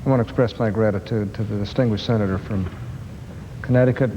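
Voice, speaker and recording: A man giving an earnest, deliberate floor speech as a senator in a large chamber, heard from a worn tape copy. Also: lowish voice, warm tone, long reverb tail, dull audio, slight background noise. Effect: worn VHS tape copy.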